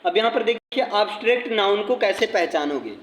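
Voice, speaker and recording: A high-pitched man teaches an English grammar lesson in a classroom. He switches between Hindi and English, spells words out letter by letter, and keeps asking whether the class has understood. The sound is echoey with faint background noise. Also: animated, a little fast, fairly bright tone.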